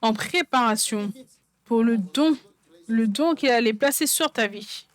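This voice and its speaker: A woman's voice: on the high side, measured pace, dry recording. A woman preaching a sermon, emphatic and repeating phrases for stress. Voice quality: songwriter speaking of her own songs.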